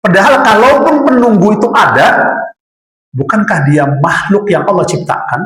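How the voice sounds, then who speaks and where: A man's voice: sits high, moderate pace, a bit bright. A man teaching an Islamic study class, speaking conversationally, asking the audience rhetorical questions and calling them "Pak". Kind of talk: religious study lecture. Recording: echoey room.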